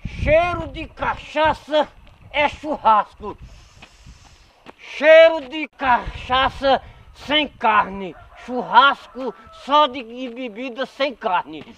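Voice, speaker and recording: A jolly joking barfly. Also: male voice, very high-pitched, lively intonation, drawn-out words, fairly bright tone, far from the mic, exaggerated voice. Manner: cheerful, joking. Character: jolly male barfly, seu Mané.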